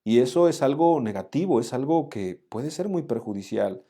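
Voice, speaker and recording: A man leading a Bible study in an earnest, direct way, talking to the listener as "you". His voice is mellow and warm, sitting at an ordinary middle pitch. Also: lively intonation, normal speed. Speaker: Bible teacher.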